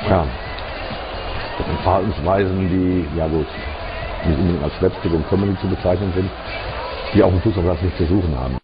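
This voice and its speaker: A man giving measured comments on football as an interviewee. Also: low voice, steady tone. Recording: dull broadcast audio, music behind. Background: music.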